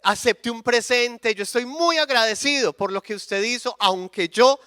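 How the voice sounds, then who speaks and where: A man voicing a grateful king who eagerly urges a prophet to come home with him, speaking high and insistent. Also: moderate pace, sharp tone, clear, resonant tone, dry recording, clean studio sound.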